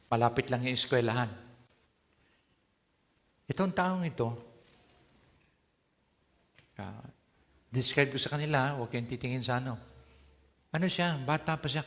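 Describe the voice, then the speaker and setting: A man with a Filipino accent and a mid-range, slightly bright voice preaches a sermon, switching between Tagalog and English and asking his congregation questions. He is in a church hall, and the recording carries its long reverb.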